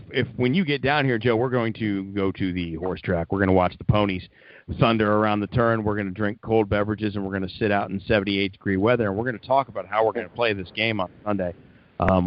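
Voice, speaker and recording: A low-voiced man rattling along fast on a casual sports talk show, trading brash, profane banter with the others. The sound is dry and dull, like a lo-fi recording. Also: fairly even intonation, dry recording.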